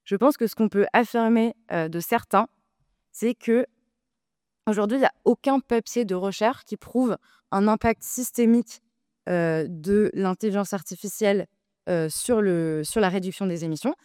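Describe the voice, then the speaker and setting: A woman's voice: mid-range voice, moderate pace, a little mellow, smooth, no room sound, studio quality. A woman arguing in a debate, hesitant with many filler sounds but insistent. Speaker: debate speaker, co-president of a data nonprofit. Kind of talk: debate argument.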